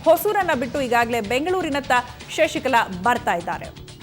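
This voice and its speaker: A woman's voice: high-pitched, big pitch swings, normal speed, soft background music. A woman news anchor with a Kannada accent giving live breaking-news commentary, repeating updates urgently with frequent fillers.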